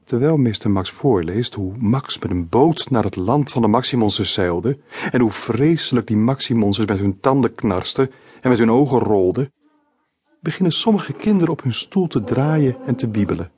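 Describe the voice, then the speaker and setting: A man narrating his own children's storybook as an audiobook, in clear, measured storytelling. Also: mid-range voice, a little mellow, no room sound. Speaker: author reading his own book.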